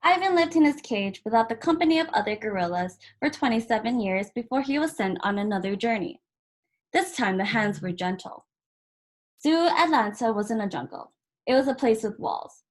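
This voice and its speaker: Her voice is fairly high and her intonation lively as this volunteer reads a children's picture book aloud. She takes the text in brief, measured phrases, with little pauses in between.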